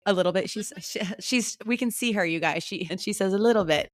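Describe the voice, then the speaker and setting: A woman co-hosting a podcast with a Midwestern American accent, chatty and quick to laugh. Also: medium pitch, no room sound, clean studio sound. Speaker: podcast co-host. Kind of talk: casual chat.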